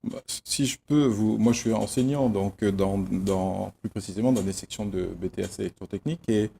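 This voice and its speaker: A male teacher answering interview questions in a measured, explanatory way. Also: lowish voice, gravelly, mellow, a little hiss or hum.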